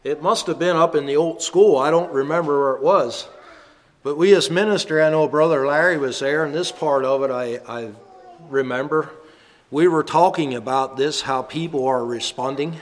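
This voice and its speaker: A man's voice: a little high, normal speed. A man in his fifties, a minister giving a reflective sermon and reminiscing about the past. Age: 50s.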